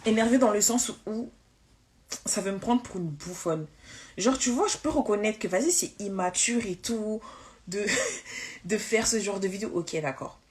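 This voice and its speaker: A woman on a live stream, ranting in a heated casual way, talking fast with slang and many restarts, irritated. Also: medium pitch, a little mellow.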